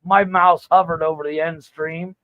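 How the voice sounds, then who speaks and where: A man's voice: fairly high pitch, little pitch movement, normal speed, no room sound, phone-quality sound. A man co-hosting a podcast, talking in brash, profane banter. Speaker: podcast co-host. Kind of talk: casual chat.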